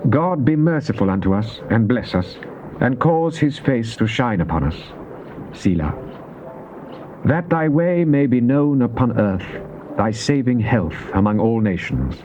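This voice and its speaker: A man with a mellow, mid-range voice reads scripture in a solemn, theatrical, declamatory style, animated yet measured in pace. The recording is a dull, lo-fi cassette with faint noise.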